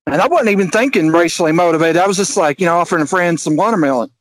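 A man's slightly high voice comes through a phone on speakerphone as he joins a casual podcast chat. He talks fast and loose, with slangy, offhand phrasing. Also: expressive. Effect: heard over a phone on speakerphone. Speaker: podcast co-host.

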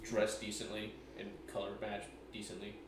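A man chiming in on a casual podcast with quick offhand remarks. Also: lowish voice, completely flat delivery, a little hiss or hum. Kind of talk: casual chat.

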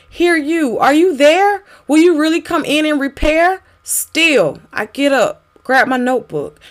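A woman's voice: a little high, fairly bright tone. A woman podcast host reciting a dramatic devotional poem in an emphatic, rhyming spoken-word delivery.

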